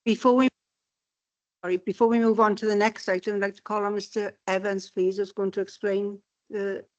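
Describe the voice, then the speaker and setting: A woman chairing a formal council meeting, briskly procedural, calling votes and speakers. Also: mid-range voice, flat delivery, lo-fi sound. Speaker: meeting chair, presiding member.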